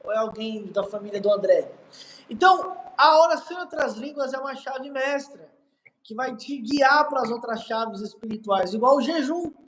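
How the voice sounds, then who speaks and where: A man's voice: extremely high pitch, moderate pace, a bit bright, slight background noise, poor audio. A man with a Brazilian accent, a pastor preaching on a live stream in an emphatic, repetitive way.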